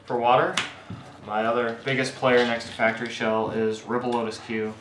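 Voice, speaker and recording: A man casually walking through his card game deck, explaining his picks in a halting way full of fillers and restarts. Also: mid-range voice, flat delivery. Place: indoor room with friends nearby. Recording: echoey room with faint background hiss.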